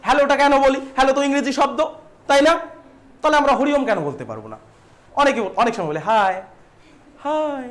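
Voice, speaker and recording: A man with a strikingly high-pitched voice leads a grammar lesson. He keeps asking his students questions and supplying the answers himself. He repeats key terms and draws out words slowly to model how they should be pronounced. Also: fairly bright tone. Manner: stretches out words to model their pronunciation. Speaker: teacher.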